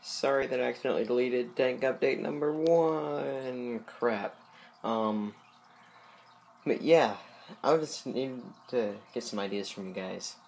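A man's voice: mid-range voice, a little slow, gravelly, darkish tone, a little hiss or hum. A young man chatting casually to his viewers about his aquarium, rambling with lots of fillers, his voice a little loose. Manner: rambling, many fillers and asides. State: voice a bit loose. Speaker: aquarium vlogger. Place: home, by a fish tank.

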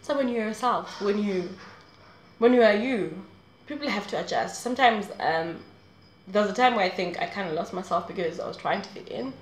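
This twenty-something vlogger is brisk and lively in intonation, with a medium pitch, chatting straight to camera from a small indoor room. It's a casual, rambling advice video full of laughter, and the rough recording carries echo plus a little hiss or hum.

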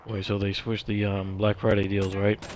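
A flat, low-voiced trash-talking gamer. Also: male voice, moderate pace, soft background music. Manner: trash-talking, profane, teasing. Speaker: gamer streaming a match. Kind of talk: casual gameplay chat.

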